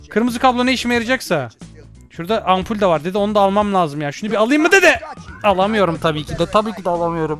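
A young man playing an escape game, chatting to himself and yelling when he gets chased. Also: sits high. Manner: excitable, yells and shrieks when chased; talks to himself and to game characters. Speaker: gaming YouTuber. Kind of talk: playing a horror escape game live, casual chat. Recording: faint game music behind.

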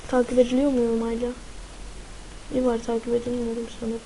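A woman's voice: on the high side, monotone, brisk, mellow, slight background noise, rough recording. A woman commenting live on her own gameplay, easily frightened and swearing freely as she plays. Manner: frightened, swears a lot, shrieks in panic. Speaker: gaming YouTuber.

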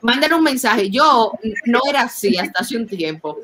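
A woman with a Dominican accent chats on a podcast. Her voice sits a bit high. She hammers her points home with slang and repeated words. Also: big pitch swings, normal speed, a crowd in the background. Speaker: podcast co-host. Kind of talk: casual chat.

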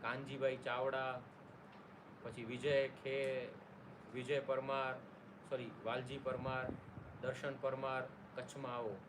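A man's voice: mid-range voice, little pitch movement, a little slow. A man hosting a casual live stream, greeting viewers by name and joking along. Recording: noisy room ambience.

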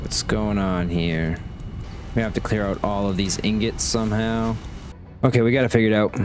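Over music, a gaming channel host with a lowish voice talks at a moderate pace in a steady tone. He casually comments on his factory-building game while playing, thinking aloud as he checks production.

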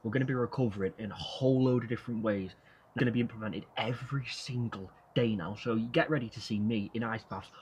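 A man's voice: mid-range voice, fast talker, a little mellow. A man in his twenties chatting casually to camera as a fitness vlogger, his breath affected by the cold of an ice bath. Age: 20s. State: cold, shivering breath while sitting in ice water. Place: outdoors by a brick wall, in an ice bath. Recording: outdoor ambient noise.

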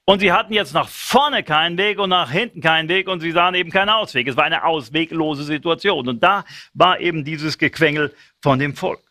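A man preaching a sermon, emphatic and animated, acting out the lines he quotes. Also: fairly high pitch, brisk, few pauses, no room sound, clean studio sound.

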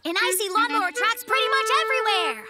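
A woman's voice: very high voice, lively intonation, fast, loud music behind the voice. A woman voicing an eager, playful little boy kitten in a children's cartoon. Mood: excited.

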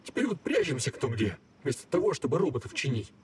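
A man's voice: fairly high pitch, sing-song, quick pace, recorded from a distance, noisy background. An actor playing an anxious, wounded robot repairman in hiding, urgently warning others in a video game. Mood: alarmed.

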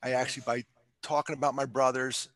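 A man's voice: mid-range voice, flat delivery, quick pace, fairly bright tone, dry recording. An older man, a motivational speaker, telling candid stories and joking with frequent laughs in a casual podcast interview. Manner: jokey, laughs often, candid storytelling.

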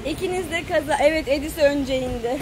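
A parent filming a family vlog on a handheld phone at an outdoor playground, a woman chats casually to the camera and calls out to children in a sing-song way. Her voice sits high and brisk against a noisy background.

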